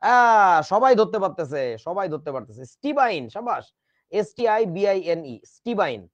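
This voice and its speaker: A man's voice: high-pitched, very animated, moderate pace, no room sound. A man teaching chemistry in a lecture, joking around and spelling out words letter by letter. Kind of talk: classroom lecture. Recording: dull, dry recording.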